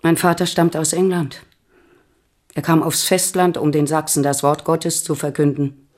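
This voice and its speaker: A woman playing a woman disguised as a young male physician, calm and persuasive, in a radio play. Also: low-pitched, moderate pace, close to an everyday voice. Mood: measured.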